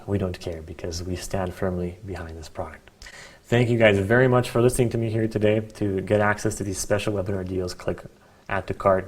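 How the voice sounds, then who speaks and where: Low-voiced man making an informal hard-sell pitch. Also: darkish tone. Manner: hard-sell ad patter with stacked deals and chatty asides. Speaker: webinar presenter selling a product.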